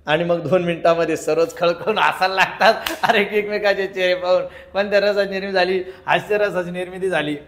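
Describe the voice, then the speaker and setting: A man's voice: high-pitched, fairly bright tone. A man with a Marathi accent teaching a class in a sing-song recitation, laughing often as he explains. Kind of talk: classroom lecture.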